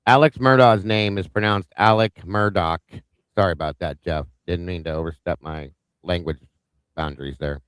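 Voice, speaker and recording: A man co-hosts a casual livestream discussion in a very deep voice. He talks bluntly, cracks jokes and pokes fun at himself. The recording is dry and close. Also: a little fast, smooth, dry recording, rough recording. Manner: blunt, joking, self-deprecating. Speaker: livestream co-host.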